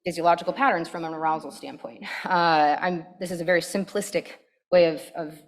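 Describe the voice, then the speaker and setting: A woman psychologist giving a conference presentation to parents, energetic and animated, often checking in with "right?" and "okay?". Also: on the low side. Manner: energetic, animated and quick to react. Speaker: pediatric psychologist.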